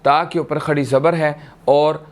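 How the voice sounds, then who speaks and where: A man with a Pakistani Urdu accent teaching tajweed, chanting verses in long drawn-out tones and then explaining each rule briskly, often checking in with "theek hai". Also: fairly high pitch, flat delivery. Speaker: Quran recitation teacher. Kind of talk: tajweed lesson, slow chanted recitation then quick explanation.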